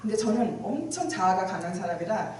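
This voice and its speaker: A woman's voice: medium pitch, big pitch swings, fairly quick, mellow, slight background noise. A woman giving a personal testimony at a church retreat. She tells her story with emotion and acts out her own past words. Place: large echoey church hall. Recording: very echoey hall, voice from far off.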